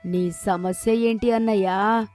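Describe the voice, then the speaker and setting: A woman voicing a kindly female ghost who lives in a tree, speaking softly and reassuringly in a cartoon. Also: medium pitch, steady tone, soft background music, close to an everyday voice. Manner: soft, slow, reassuring.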